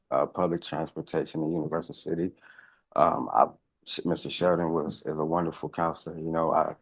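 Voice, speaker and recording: Halting gravelly-voiced man defendant, very deep. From California. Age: 30s. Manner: halting, many fillers, pleading. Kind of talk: courtroom testimony. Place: courtroom.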